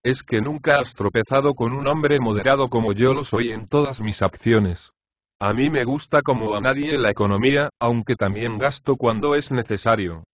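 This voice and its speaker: A thrifty, self-satisfied farmer, read by a man in an audiobook comedy. He talks in a slow, measured and earnest way, and the recording is dull and dry. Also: medium pitch, no echo, close to an everyday voice. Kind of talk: audiobook play reading.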